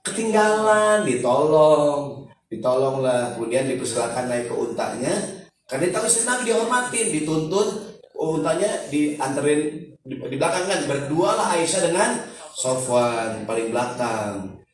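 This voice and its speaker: A man's voice: medium pitch, moderate pace. A man preaching, telling stories with jokes and acted-out dialogue. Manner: animated, joking, acts out dialogue. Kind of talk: humorous sermon storytelling. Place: large conference hall. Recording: echoey hall from far off.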